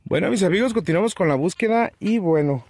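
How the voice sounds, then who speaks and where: An expressive treasure-hunting vlogger speaks fast in a high-sitting, slightly mellow and slightly rough voice. He gives casual commentary outdoors in open countryside as he hunts relics, often calling viewers his friends.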